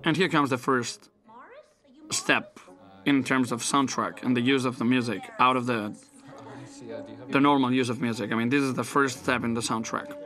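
Spanish guy doing movie commentary, bright tense tone, chatty and hesitant. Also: medium pitch, fairly even intonation, normal speed, long pauses. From Spain. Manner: chatty, hesitant, laughs often. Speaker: film director on a commentary track. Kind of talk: casual film commentary.

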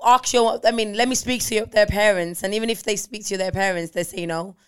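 Young woman, liverpool, podcast cohost, chatty storyteller doing her parents' voices, smooth clear voice. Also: medium pitch, fairly even intonation, fairly quick. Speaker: podcast co-host. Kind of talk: casual chat.

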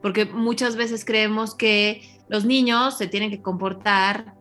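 A woman explaining parenting styles as a guest, in a measured way, checking in with frequent tag questions. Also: mid-range voice, steady tone, a bit bright, faint music behind. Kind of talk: explanatory conversation.

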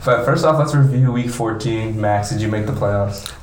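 A man's voice: lowish voice, normal speed, a little mellow. A man co-hosting a casual sports podcast, recorded in a small, echoey, bathroom-like room. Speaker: podcast co-host.

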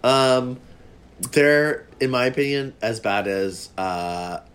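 A man's voice: mid-range voice, expressive, slow, background noise. A man co-hosting a podcast in casual chat, blunt, opinionated and freely profane. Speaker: podcast co-host.

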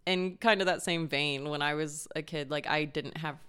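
A young woman chats with a friend, easygoing and reflective. She laughs readily and thinks out loud. Her voice sits a little low for a woman. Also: fairly even intonation, normal speed, clean tone. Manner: chatty, laughs easily, reflective. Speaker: podcast co-host. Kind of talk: casual chat.

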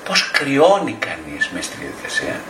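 A middle-aged man, a psychotherapist, lecturing a group in a blunt, animated way with some swearing. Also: medium pitch. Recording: echoey room, distant mic, noisy.

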